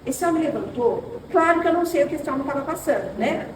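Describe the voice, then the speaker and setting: A middle-aged Brazilian woman leads a women's church class, her high voice moving fast as she tells stories and speaks to her "sisters." She sounds distant from the mic, her voice echoing through a roomy hall over steady background noise. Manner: animated storytelling, addressing listeners as sisters. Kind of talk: informal teaching with personal stories.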